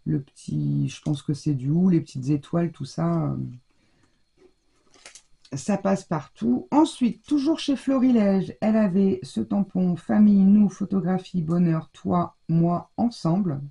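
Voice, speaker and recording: French woman, scrapbooking vlogger, rambling filler-heavy chatter, mellow tone, stuffy nose. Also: on the low side, measured pace, gravelly. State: scratchy throat, stuffy nose. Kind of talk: casual show-and-tell haul.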